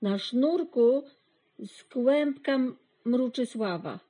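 A woman's voice: fairly high pitch, measured pace, dark tone, low-quality recording. A woman voicing a meticulous, clever female pig who lists things carefully in a storybook reading. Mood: thorough. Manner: precise, enumerating.

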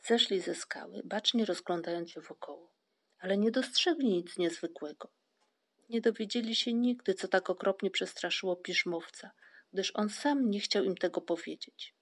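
A woman narrating a storybook in a calm, measured way. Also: medium pitch, slightly rough. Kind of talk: audiobook reading.

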